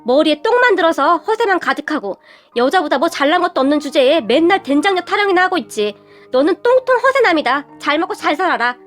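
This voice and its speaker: A woman voicing a blunt, fearless young wife who talks in a sharp, mocking way. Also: very high-pitched, big pitch swings, a little fast, faint music behind, heavily acted. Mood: scornful.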